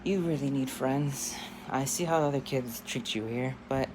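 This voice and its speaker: A man's voice: medium pitch, normal speed, background noise, natural voice. A man voicing a kindly orphanage counselor woman who talks sweetly, a bit patronizingly.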